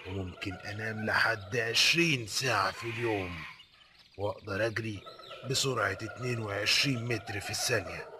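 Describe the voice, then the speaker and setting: A man's voice: on the low side, noisy background, lightly acted. A man with an Egyptian accent voicing a proud, friendly male lion who explains facts to children in an educational cartoon. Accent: Egyptian Arabic. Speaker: narrating animal character for children.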